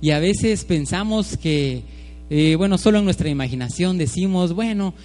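A man's voice: fairly high pitch, animated, moderate pace, darkish tone. A man preaching informally, telling a story with many restarts and fillers. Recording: long hall reverb, faint music.

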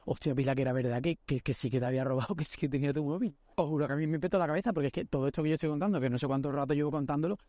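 Fast-talking Andalusian man telling a story. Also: a little high, no room sound, studio quality. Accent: Andalusian Spanish. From Algeciras, Spain. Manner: excitable, animated, swears freely. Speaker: podcast host. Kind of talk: comic storytelling to camera. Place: city street outdoors, walking.

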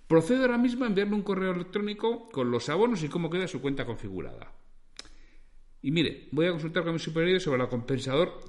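A man doing a courteous call-centre operator. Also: a little high. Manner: courteous, formal, reassuring. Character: polite, composed male call-centre operator.

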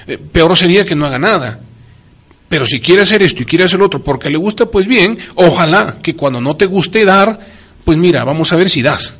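A man's voice: fairly high pitch, expressive, fairly quick, a bit bright, breathy edge. A man speaking in a preacherly, emphatic way on a religious talk program, often repeating his key phrases for stress.

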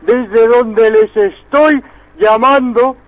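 A man's voice: very high voice, steady tone, drawn-out words, heavily acted. A man voicing a pompous, indignant 106-year-old village man who calls in to a radio show and demands respect. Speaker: caller. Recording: muffled phone line.

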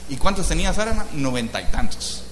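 High-voiced preacher in a roomy hall. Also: male voice, quick pace, a little hiss or hum. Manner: lively storytelling, keeps calling the congregation "hermano". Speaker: pastor. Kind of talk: sermon.

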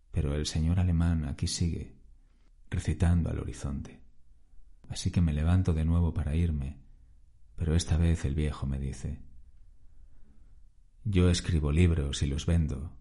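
A man, calmly narrating a first-person story as a podcast host. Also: rumbling low, moderate pace, pauses often.

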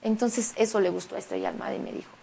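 A woman's voice: mid-range voice, gravelly, slight background noise. A woman with a Mexican Spanish accent, a singer and actress chatting emotionally as an interview guest. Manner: chatty and emotional, quick animated retelling. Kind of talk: casual interview chat.

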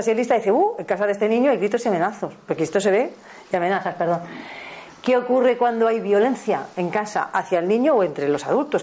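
Here a fifties-aged teacher from Spain, speaking with a Spanish accent, delivers a spiritual talk about parenting in a medium-pitched, darkish voice. Her pace is quick, and she frequently self-corrects and checks in with the audience.

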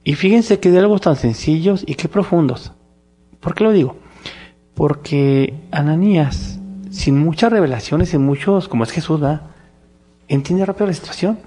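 A man's voice: on the high side, normal speed, slightly rough. A man with a Mexican Spanish accent co-hosting a casual religious discussion podcast, telling stories with energy and acting out the dialogue. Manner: animated storytelling, acts out dialogue. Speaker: podcast co-host.

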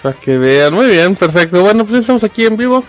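A man's voice: sits high, very animated, fast talker, highs cut off. A man with a Mexican accent co-hosting a live podcast, teasing his co-host in casual banter. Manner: teasing, playful.

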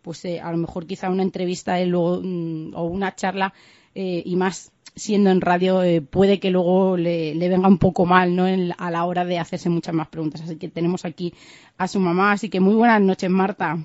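A woman hosting a radio interview, asking gentle, leading questions that often end in "right?". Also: on the low side, level tone, normal speed, dry recording, dull audio. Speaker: radio host.

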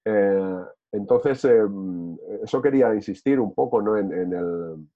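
A man's voice: on the low side, slow pace. A man speaking reflectively in a casual group discussion, with many hesitations and restarts. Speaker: discussion participant. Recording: tinny phone-like line.

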